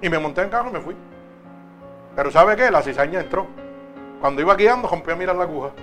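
Emphatic male preacher with a high voice, faint guitar underneath. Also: lively intonation, quick pace. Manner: emphatic, swings between loud and soft. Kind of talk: sermon.

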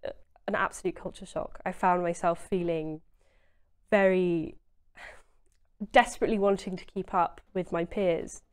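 A woman's voice: fairly low pitch, fairly even intonation, moderate pace, long pauses, clear, resonant tone. A woman, speaking earnestly and emphatically as a guest in a conversational interview, often saying "you know". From Essex, England. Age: 20s.

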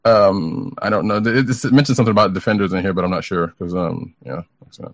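This low-pitched man talks fast, recorded in a clean studio with no echo. As a podcast co-host, he chats casually about comic book and entertainment news, tentative and hedging in how he puts things.

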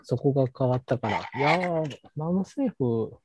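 A man's voice: mid-range voice, expressive, normal speed, noisy background. A man co-hosting a podcast in casual tech chat, easygoing and thinking aloud. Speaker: podcast co-host. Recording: muffled, dry close mic.

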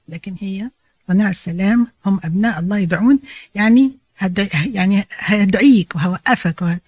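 A woman's voice: medium pitch, dry recording. A woman with an Egyptian Arabic accent gives a conversational Bible teaching, explaining in a chatty way and slipping in English phrases.

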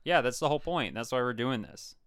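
A man's voice: medium pitch, expressive, fast, a bit bright, clean tone, no room sound, clean studio sound, natural voice. A man voicing a smug, scheming teenage son who argues back in an improvised comedy sketch. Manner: smug, argumentative, talks back.

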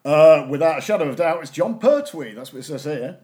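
A man playing a cheeky, sarcastic female mature student in an improvised comedy sketch, deadpan and teasing. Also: on the high side, a little fast, lightly acted. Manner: deadpan, teasing, ends lines with a name.

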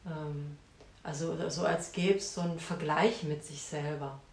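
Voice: mid-range voice, steady tone, measured pace, roomy sound. An interviewer who thinks aloud while asking questions, searching for words with many fillers. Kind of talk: conversational interview.

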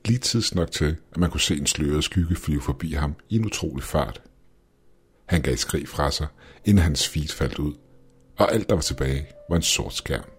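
A man narrating a scripted horror story in a measured, ominous way. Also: a bass voice, lively intonation, slightly rough.

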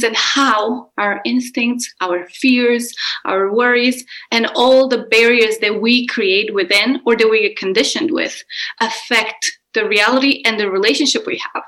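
A Romanian woman with a Romanian accent and a fairly high, bright voice speaks in a rough recording. A relationship coach, she answers interview questions candidly and earnestly about her own experiences.

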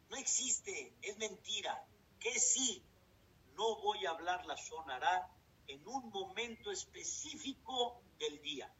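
A man with a Mexican accent, a rabbi giving a sermon in a lively storytelling way with jokes. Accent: Mexican Spanish. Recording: distant dull recording with rumble.

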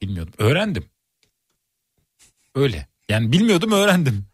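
A man's voice: medium pitch, wildly swooping pitch, moderate pace, breathy edge. A man chatting as co-host in a playful, easygoing way. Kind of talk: casual chat.

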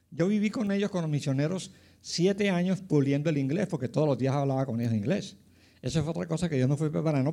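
A man's voice: on the high side, dark tone. A man in his nineties from Colombia, a pastor telling his life story in a rambling way with many fillers and asides to his listeners. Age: 90s. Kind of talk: personal testimony, casual storytelling.

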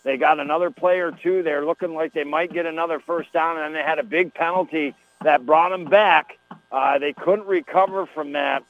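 Sports radio guy on a tinny am radio line, chatty and folksy, a bit high voice, dry sound. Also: fairly even intonation, moderate pace, no echo. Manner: folksy, chatty, rattles off scores and plays. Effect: AM radio broadcast sound. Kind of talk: live high school football commentary.

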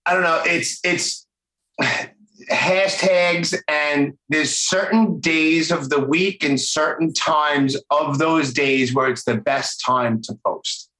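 The recording is roomy and echoing, with a podcast host of middling pitch speaking in a Brooklyn accent. The talk is casual and unscripted, with phrases often doubled up in an informal way. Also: fairly even intonation, slow, pushed and bright. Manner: informal, repeats words and phrases. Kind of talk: casual, off-the-cuff interview chat.

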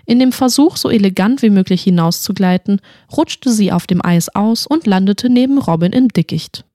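A woman narrating a fantasy story in an expressive audiobook reading. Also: medium pitch, moderate pace, dry recording, clean studio sound.

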